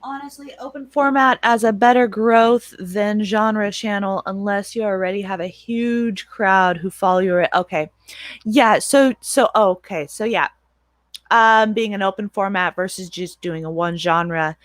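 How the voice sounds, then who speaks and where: A woman's voice: medium pitch, measured pace, no room sound. A woman hosting a casual livestream, loosely asking her chat questions and laughing easily. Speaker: streamer host.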